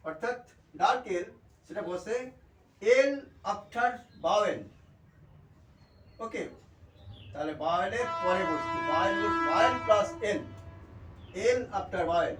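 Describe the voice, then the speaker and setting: A man's voice: high-pitched, a bit bright, echoey room, distant mic, poor audio. A man from India with a Bengali accent teaching English pronunciation in a spoken lesson. He spells out letters, repeats example words and checks in with a frequent "okay".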